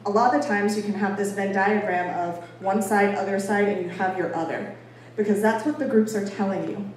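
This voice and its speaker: This Boston woman talks briskly in a mid-range voice with fairly even intonation. Her informal address to an audience is emphatic and conversational, with a playfully self-deprecating streak. The indoor room echoes, the mic is far off, and there's a little faint noise.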